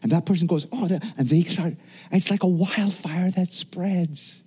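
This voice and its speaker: A man's voice: sits high, steady tone, normal speed, warm tone, breathy edge. A middle-aged man preaching a sermon as pastor, earnest, often restarting and repeating words.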